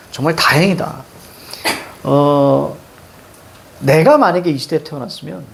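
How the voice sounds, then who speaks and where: A woman teacher giving a chatty classroom lecture, joking with students and reading old verse aloud slowly. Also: deep voice, gravelly, a little hiss or hum. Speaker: Korean literature teacher.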